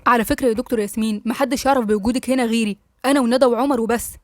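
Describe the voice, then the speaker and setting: A woman's voice: fairly high pitch, steady tone, racing, darkish tone, no echo, clean studio sound, natural voice. A woman with an Egyptian accent reading a hesitant, polite male doctor. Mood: careful. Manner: careful, polite.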